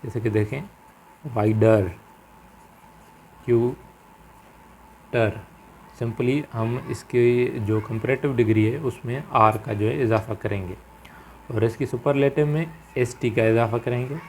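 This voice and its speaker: A man teaching a grammar lecture, halting and full of fillers, mixing English terms into his Hindi. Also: mid-range voice, steady tone, a little hiss or hum. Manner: halting, many fillers and repeated phrases; mixes English terms into Urdu-flavoured Hindi.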